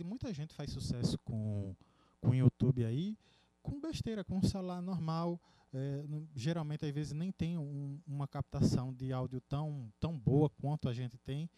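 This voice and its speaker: A man's voice: on the high side, mellow, no room sound. A man co-hosting a podcast in casual chat, rambling with many restarts. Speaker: podcast co-host.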